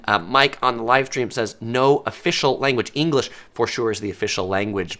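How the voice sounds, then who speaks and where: A fairly low-pitched man with a pushed, bright delivery hosts a casual live-stream chat on travel myths. He is a travel video host from the United States, speaking from Southern California and filling his talk with ums and uhs.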